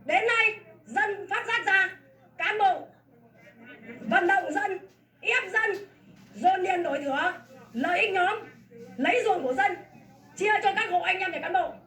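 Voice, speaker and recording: She speaks a little slowly and pauses often, her very high-pitched voice pushed and bright. This Vietnamese woman is a farmer protesting land seizure in a fierce, scolding, repetitive public complaint, recorded echoey and far from the microphone.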